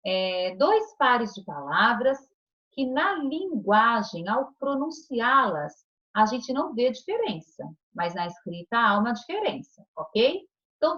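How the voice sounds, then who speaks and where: A woman teacher records an online lesson for young children. Her voice sits a little high and swings widely up and down as she coaxes them along, checking in with short questions. The sound is dull and lo-fi. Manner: patient, coaxing, speaks to children with many tag questions. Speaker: primary school teacher.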